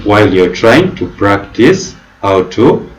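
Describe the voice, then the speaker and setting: A man teaching a software tutorial in a video conference workshop, explaining slowly and deliberately and stressing key words. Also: fairly low pitch, very animated, soft background music, poor audio. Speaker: instructor. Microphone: computer mic on a video call.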